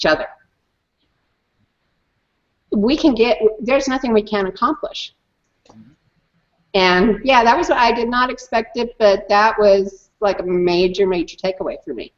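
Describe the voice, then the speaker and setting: A woman, a guest in an online hangout, telling a personal story in an emphatic, animated way and often repeating words. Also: medium pitch, slow, pauses often, lo-fi sound.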